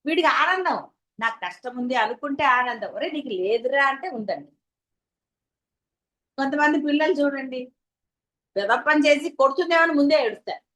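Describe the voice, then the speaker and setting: High-voiced woman giving a devotional talk. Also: lively intonation, normal speed, pauses often, a bit bright, rough recording. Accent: Telugu. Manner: rhetorical questions to listeners. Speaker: spiritual teacher. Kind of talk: devotional discourse.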